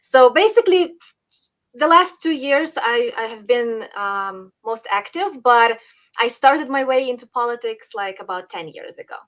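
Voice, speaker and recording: Expressive and unhurried, a Western Ukrainian woman whose first language is Ukrainian chats as a podcast guest in a casual interview. Her slightly high, fairly bright voice carries an earnest tone dotted with ums and small laughs.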